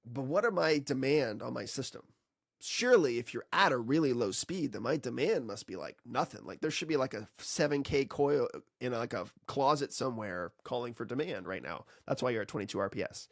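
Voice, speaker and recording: A man's voice: mid-range voice, lively intonation, brisk, gravelly, no room sound, studio quality. A man teaching HVAC data analysis in a casual walkthrough, full of sarcastic jokes and playful asides. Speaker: HVAC instructor.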